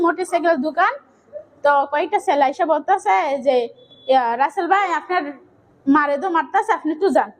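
A young woman with an urgently retelling a violent family tragedy, close to tears, quoting others as she goes. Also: very high-pitched. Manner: urgent, tearful retelling with quoted dialogue. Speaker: family member of victims. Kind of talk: emotional eyewitness account.

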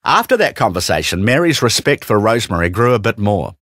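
A man's voice: lowish voice, brisk, no echo, clean studio sound. A man with a New Zealand accent narrating a children's storybook, putting on character voices. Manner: animated, doing character voices.

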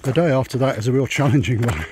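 A man vlogs while trekking a long pilgrimage route, talking through his plans in a rambling, thinking-aloud manner. His medium-pitched voice is animated and quick. He's walking outdoors on a rural dirt track, and the noisy recording captures the surrounding countryside.

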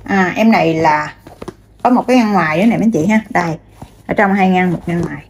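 A woman's voice: lowish voice, a little fast, slight background noise. A woman, showing bags one by one and chatting straight to her viewers, with many fillers. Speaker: online seller. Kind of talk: casual product showcase.

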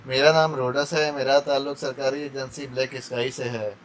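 A man's voice: mid-range voice, flat delivery, normal speed, slight background noise, close to an everyday voice. A man voicing a wounded male captive under torture, stammering and pleading for mercy. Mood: shaken confession.

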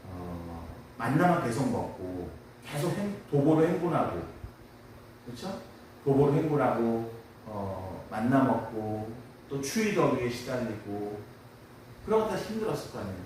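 Animated preacher in an echoey hall. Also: male voice, mid-range voice, normal speed. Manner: animated, acts out prayers and complaints in quoted voices. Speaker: pastor. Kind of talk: dawn service sermon. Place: church sanctuary. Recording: echoey hall, distant mic, faint hiss.

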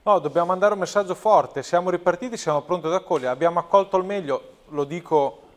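A man's voice: high voice, quick pace. Earnest man, emphatic with restarts. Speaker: provincial president, guest. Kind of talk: talk show interview. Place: TV studio.

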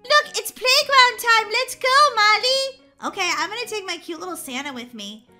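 Excitable, squeaky little daycare girl. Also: normal speed, faint music behind, exaggerated voice. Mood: excited. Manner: childlike, exclaiming, whiny. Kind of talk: children's toy role-play story.

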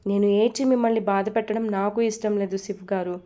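A woman's voice: mid-range voice, fairly even intonation, fast talker, warm tone, lightly acted. A woman voicing a troubled young wife who speaks wearily and pleads to be understood. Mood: pleading.

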